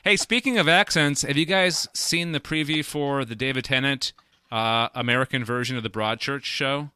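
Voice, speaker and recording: A man's voice: medium pitch, normal speed, sharp tone, clean tone, dry recording, studio quality. A man hosting a casual chat show, joking around with his co-hosts. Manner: jokey, puts on a mock old-fashioned accent at the start. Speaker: podcast host.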